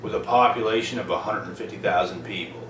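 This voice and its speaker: A young vlogger from Prince Edward Island, Canada, talks fast in a lowish voice as he rants to camera, cursing and repeating himself for emphasis. He's far from the mic in a roomy, noisy space.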